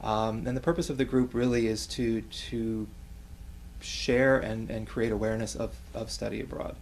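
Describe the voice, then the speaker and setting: A man on campus staff explaining a program in a measured, informative way. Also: lowish voice, little pitch movement, a little mellow, slight background noise. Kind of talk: explanatory interview.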